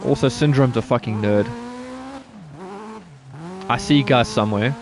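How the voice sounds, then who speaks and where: Playing a driving game on a live stream, a man talks casually with his viewers, rambling and swearing occasionally. He has a mid-range voice at a moderate pace, with the loud engine of a rally car and game sounds running underneath.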